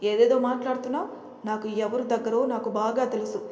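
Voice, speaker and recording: A woman playing stern angry young husband, storybook reading, mellow voice, roomy echo. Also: very high-pitched, level tone, a little fast. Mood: furious. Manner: stern, scolding. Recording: roomy echo, faint noise.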